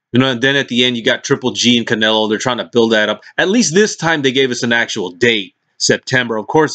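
A man's voice: medium pitch, fairly bright tone. Brash, foul-mouthed ranting man. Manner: brash, mocking, swears constantly. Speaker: vlogger. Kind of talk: profane casual rant.

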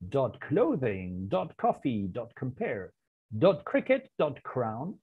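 A man hosting an online quiz social over a video call, casually reading out the answer options with a playful, deadpan humor. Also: mid-range voice, slow pace, husky. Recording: tinny phone-like line.

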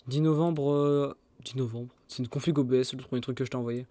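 Streaming a game, a young man chats casually with his friends over voice chat, laughs a lot, and scrolls through old messages. His voice is medium-pitched, dark and steady, and he talks fairly quickly.

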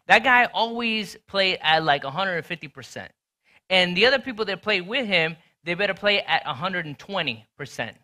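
A man preaching a sermon in a conversational, storytelling way, swinging between loud and hushed delivery. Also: high-pitched, expressive, moderate pace. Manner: conversational, storytelling with sports talk. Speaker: pastor.

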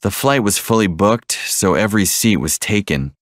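Deep-voiced guy reading lesson dialogue lines slow and clear, dry close sound. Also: animated, no room sound. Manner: slow, clear repetition of each line.

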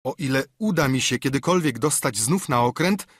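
A man's voice: medium pitch, moderate pace, dry recording, clean studio sound, natural voice. A man voicing a half-mad marooned castaway who is eager, wheedling and keeps repeating himself. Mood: pleading. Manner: excitable, pleading, repeats himself.

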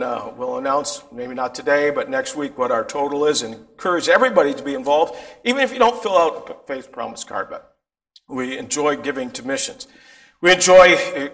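A man's voice: a little high, a bit bright. An older man giving informal church announcements from a pulpit in a sanctuary, with frequent restarts. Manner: informal, rambling, many restarts. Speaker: pastor.

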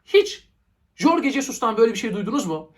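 A man's voice: very high-pitched, sing-song, fairly quick. A man hosting a football show, giving transfer news commentary in an explanatory, opinionated way. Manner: explanatory, opinionated, uses rhetorical questions.

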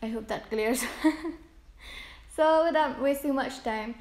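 A woman's voice: sits high, slow pace, a little mellow. A young woman presenting casually to camera as the host of a home video. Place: indoor living room, on a sofa. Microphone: distant camera microphone. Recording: echoey room.

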